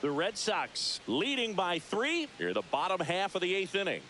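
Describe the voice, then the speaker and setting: Casting: radio-style baseball play-by-play announcer for a video game, lively higher voice, clipped punchy calls, noisy stadium backdrop. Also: male voice, moderate pace, exaggerated voice. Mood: focused, animated. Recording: noisy stadium ambience behind voice.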